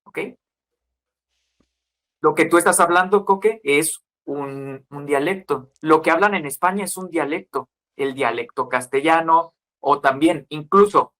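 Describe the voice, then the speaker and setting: A man's voice: fairly high pitch, pushed and bright. A man in his twenties with a Guadalajara Mexican accent, a podcast guest explaining at length in casual chat, listing examples and tagging questions onto his sentences. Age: 20s. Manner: lecturing, lists examples, frequent tag questions.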